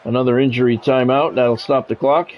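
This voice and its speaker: Brisk and steady, a medium-pitched man commentates a football video game in short, clipped lines with casual, dry and blunt side comments. He streams and commentates sports video games, and the dull, lo-fi mic picks up faint noise.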